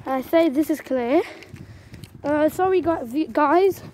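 Female vlogger, high voice, chatty and rambling with restarts, phone camera on a night street. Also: slow pace, darkish tone, a little hiss or hum. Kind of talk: casual vlog. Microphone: handheld phone camera.

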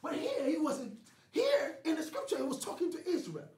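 A woman preaching a sermon in call-and-response style, rising into shouts and pulling the congregation in with questions. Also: sits high, big pitch swings, normal speed. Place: church sanctuary. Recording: echoey live church stream, distant mic.

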